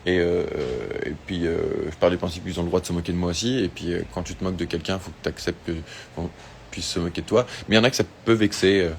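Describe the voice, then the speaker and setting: Casual man, low voice, chatty live-stream host reading fan questions, faint ambience behind. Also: steady tone, fast talker, gravelly, slight background noise. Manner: chatty, laid-back, with many fillers and restarts. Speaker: singer doing an Instagram live. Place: outdoors or open space in Tahiti. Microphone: phone.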